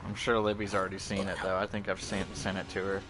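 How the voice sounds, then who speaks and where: A man's voice: deep voice, monotone, fast talker, music in the background. A man casually chatting on a live stream, rambling and swearing freely on a close headset mic. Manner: profane, rambling, laughs easily. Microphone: headset mic close to the face.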